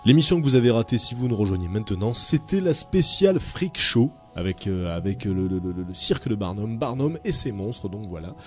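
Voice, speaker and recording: A man hosting a radio chat show, telling odd stories in a lively, halting way full of fillers. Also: fairly low pitch, soft background music. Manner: storytelling, many fillers, animated. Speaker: radio host.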